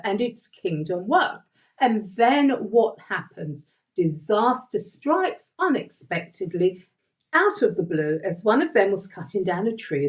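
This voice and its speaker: A woman Bible teacher giving a sermon, emphatic and asking her listeners rhetorical questions. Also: mid-range voice.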